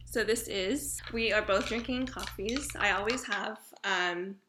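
A woman's voice: mid-range voice, unhurried, noisy background. A woman in her twenties from Hawaii, a podcast guest chatting casually and laughing often, with plenty of fillers. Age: 20s. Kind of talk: casual chat.

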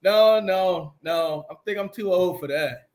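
A man's voice: high voice, unhurried, a little mellow. A man in his late forties, a guest chef, chatting easily on a podcast and laughing often. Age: 40s. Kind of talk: casual podcast chat.

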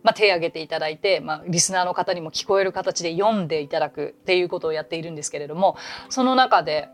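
A woman who teaches English, talking in a chatty, animated way as she hosts a casual podcast lesson, with quick asides. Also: fairly low pitch, soft background music.

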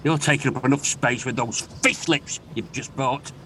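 An actor playing a cantankerous, touchy gym regular in a sitcom, bickering and indignant. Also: male voice, mid-range voice, normal speed, bright, forceful tone, a little hiss or hum, lightly acted. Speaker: grumpy older gym regular. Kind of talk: sitcom acting.

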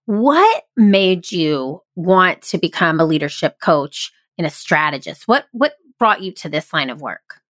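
A woman's voice: fairly low pitch, very animated, a little slow, few pauses, fairly bright tone, no room sound. Woman podcast host, eager and affirming, close dry sound. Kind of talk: casual interview chat.

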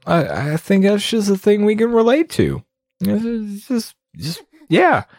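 A man's voice: sits high, expressive, a little slow, a little mellow, no echo, studio quality. A man playing a game and commenting on it in a sarcastic, exasperated way, with swearing. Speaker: game streamer. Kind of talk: let's play commentary.

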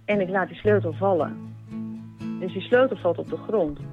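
A woman telling a personal experience in a conversational way, halting, with many pauses, fillers and restarts. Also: on the low side. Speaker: storyteller recounting a personal experience. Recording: narrow phone-like sound with faint music behind.

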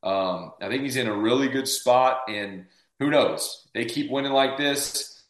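A man's voice: mid-range voice, a little slow. A man giving casual sports analysis as a panelist, posing questions and answering them himself. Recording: echoey room sound.

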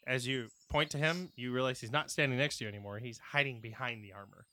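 A man's voice: mid-range voice, pushed and bright. A man narrating as game master in a tabletop game, descriptive and playful. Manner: descriptive, playful, slows for detail.

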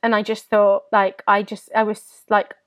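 A woman, talking candidly as an interview guest, halting and full of restarts, tearful at times. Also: mid-range voice, monotone, no room sound.

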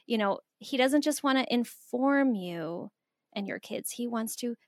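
A woman's voice: a little high, animated, a little slow, dry recording, clean studio sound. An American woman from the Southwest, a guest author on a podcast, speaking earnestly and laughing easily as she exhorts. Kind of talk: interview conversation.

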